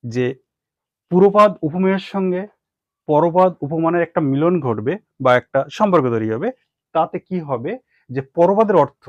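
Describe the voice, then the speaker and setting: A man's voice: fairly high pitch, no echo. A man with a Bengali accent teaching a grammar lesson, who repeats terms and keeps asking questions and answering them himself. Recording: dry, muffled lo-fi sound.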